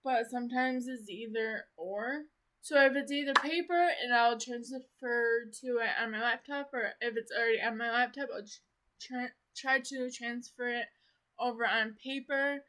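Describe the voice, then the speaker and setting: A woman's voice: a little high, fairly even intonation, moderate pace, fairly bright tone. A woman vlogger chatting casually, rambling with many "like"s and restarts. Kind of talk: casual rambling vlog chat.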